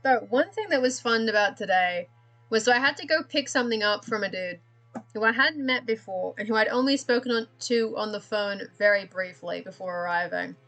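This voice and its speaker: A young Australian woman whose accent drifts slightly American draws on a live stream, chatting and rambling with self-deprecating laughs. Her fairly high, fairly bright voice runs a little fast, with faint music behind.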